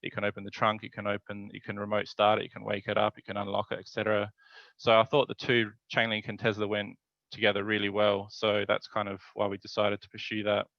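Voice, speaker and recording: A man presenting his hackathon team's project over a video call, relaxed and dotted with filler words. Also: lowish voice, fast, gravelly, no echo. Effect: voice heard over a video call. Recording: dull video call audio.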